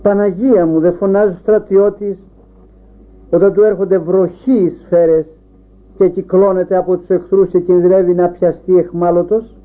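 Man, preacher, Orthodox sermon, rhetorical repeated questions, high-pitched, tinny phone-like recording. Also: little pitch movement.

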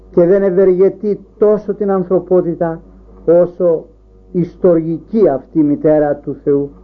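A man preaching an Orthodox sermon, building up rhetorical questions one after another. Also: high voice. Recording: tinny phone-like sound.

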